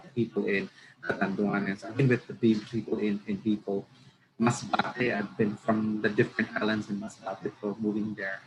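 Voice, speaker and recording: A man's voice: lowish voice, background noise. A man from the Philippines with a Filipino accent gives a candid, self-critical webinar talk for teachers, slipping Tagalog into his English.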